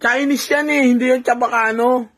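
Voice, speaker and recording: A woman's voice: fairly high pitch, fairly even intonation, normal speed, a bit bright, breathy edge. A woman chatting casually with her talking pet, coaxing it with teasing questions. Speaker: pet owner.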